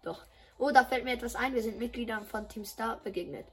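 A woman voicing a bubbly, eager schoolgirl in a game dub, talking excitedly. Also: a little high, fairly quick, far from the mic, lightly acted. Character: cheerful eager schoolgirl champion. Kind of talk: dubbing game dialogue.

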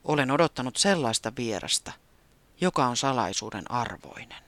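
Narrator doing a hushed manor spirit. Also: expressive, dry recording. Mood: solemn. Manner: low, soft, slow and half-whispered.

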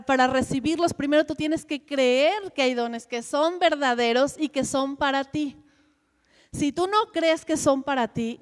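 A middle-aged woman teaching a church seminar, asking her audience questions and repeating words for emphasis. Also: high-pitched.

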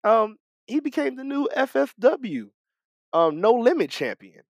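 His voice is very high, with big pitch swings, and he keeps a measured pace on a recording free of room sound. As a podcast co-host chatting casually about wrestling, he speaks animatedly, frequently stumbling, restarting and repeating himself.

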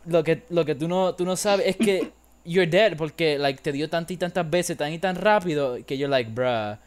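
A man's voice: fairly high pitch, moderate pace. A young man with a Puerto Rican accent in casual debate, switching between Spanish and English with plenty of slang. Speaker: debater on a fan panel show. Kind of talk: casual bilingual banter and debate.

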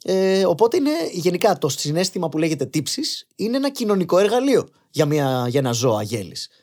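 A young man in casual podcast conversation, arguing his points with animated energy and slipping in English phrases. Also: on the high side. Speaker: podcast guest.

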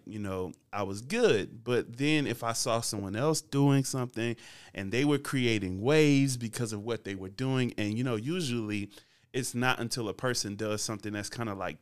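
A man's voice: mid-range voice, clear, resonant tone. A man hosting a casual faith-based podcast, telling stories in a laid-back way and laughing often. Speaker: podcast host.

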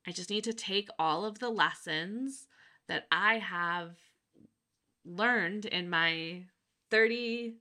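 A woman's voice: medium pitch, takes it slowly, sharp tone. A woman in her thirties co-hosting a podcast, chatting reflectively with frequent fillers and laughs. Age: 30s. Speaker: podcast co-host. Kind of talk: casual chat.

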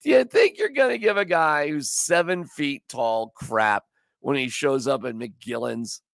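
A man's voice: mid-range voice, expressive, unhurried, creaky, a bit bright, dry recording, studio quality. A man hosting a casual sports podcast, joking and rambling as he chats with his co-host. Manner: joking, rambling, does silly voices.

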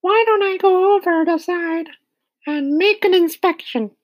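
A man doing a prim, high-voiced lady spider. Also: unhurried, no echo. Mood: polite.

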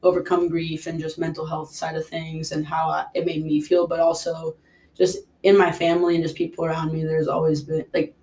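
A young Mexican personal trainer, guesting on a casual podcast interview, talks a little fast in a voice on the high side, a little mellow, with completely flat delivery. He rambles, strings thoughts together and fills gaps with lots of "like." The recording is low quality.

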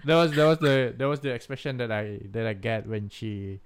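A man's voice: mid-range voice, a little fast, a little hiss or hum. A man with a Malaysian accent, hosting a casual, chatty interview podcast. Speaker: podcast host.

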